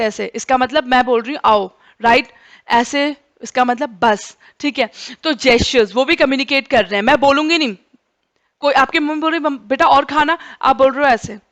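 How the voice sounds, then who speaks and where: A woman's voice: sits high, a bit bright. A young woman teacher giving a lecture, explaining with spoken examples and often checking in with "right?". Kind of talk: Hindi-English mixed classroom lecture.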